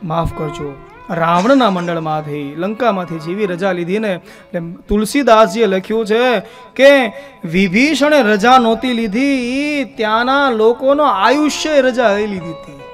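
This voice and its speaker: Man, Gujarati accent, devotional storyteller, high voice, soft instruments behind. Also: unhurried, faint music behind. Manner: chanting verses, then narrating with voiced dialogue. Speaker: religious storyteller.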